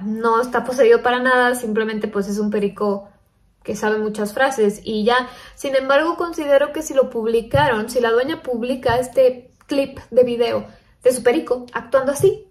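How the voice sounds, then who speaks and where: A young woman vlogging casually to her viewers, chatty and thinking aloud with lots of fillers. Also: a little high. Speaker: paranormal stories vlogger.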